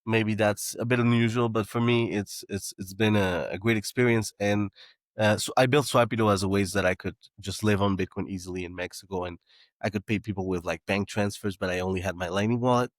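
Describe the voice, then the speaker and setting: A Canadian-raised startup founder, speaking as a podcast guest, talks fairly quickly in a lowish voice with fairly even intonation. His casual interview talk is full of restarts and fillers, and the recording is studio quality with no room sound.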